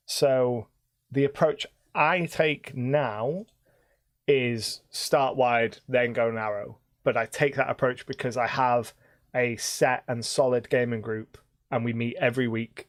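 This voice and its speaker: A man casually chatting on a live stream as game master, rambling with frequent pauses. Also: medium pitch, no echo. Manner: rambling, many ums and restarts.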